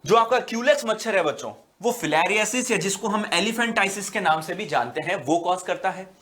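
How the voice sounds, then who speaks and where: A man's voice: sits high, lively intonation, pushed and bright. A male biology teacher giving an exam-prep lecture, talking patiently to students and often checking that they follow. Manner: explains slowly, repeating "बच्चों" and "है ना" often; fills pauses with "अ" and restarts words.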